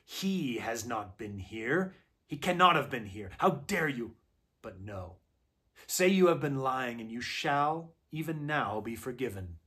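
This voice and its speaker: A man's voice: medium pitch, animated, a little slow, a bit bright. A man voicing a cruel and imperious witch queen who speaks in a commanding, contemptuous manner during a storybook reading. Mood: furious.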